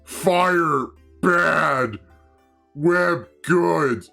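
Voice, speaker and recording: A man doing a slow-witted caveman, his voice pushed through a voice changer that makes it raised and bright. He drags out each broken word, gravelly and grunting. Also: a little high, faint music behind, voice pushed up, full character voice. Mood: dim. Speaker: tabletop player. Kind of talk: casual online game chat.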